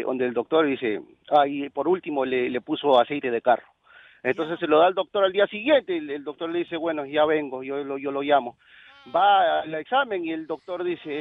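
A man tells a joke over a dull, muffled line and acts out each character's voice with gusto. His voice sits a bit high and sounds dry, as if close to the phone. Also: dry recording. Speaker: caller telling a joke.

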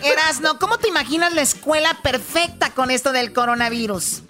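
A woman's voice: sits high, animated, fairly quick. A woman playing a bossy, teasing teacher in a comedy sketch. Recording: loud music behind.

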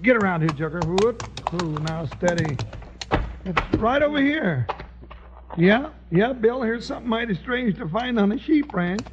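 Excitable high-voiced cowboy sidekick. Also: male voice, unhurried, noisy background. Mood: excited. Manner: excitable, folksy twang. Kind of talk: 1950s radio western drama. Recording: muffled old radio recording.

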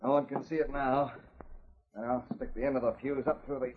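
An actor playing a cool, scheming outlaw with tough, slangy talk in an old-time radio drama. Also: male voice, mid-range voice, level tone, moderate pace, natural voice. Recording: dull, hissy, clicking old radio recording.

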